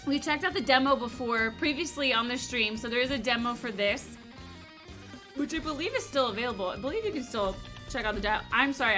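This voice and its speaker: A woman's voice: high-pitched, bright, forceful tone. A woman hosting a casual game livestream, chatting and greeting viewers as she corrects herself. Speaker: livestream host.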